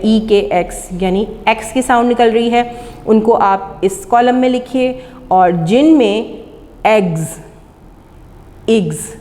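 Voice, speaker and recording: A woman with a Pakistani accent, teaching an English lesson and slowly sounding out each word. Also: on the high side, a little mellow, big-room sound. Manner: slow, deliberate sounding-out of words. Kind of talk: classroom lesson on pronunciation.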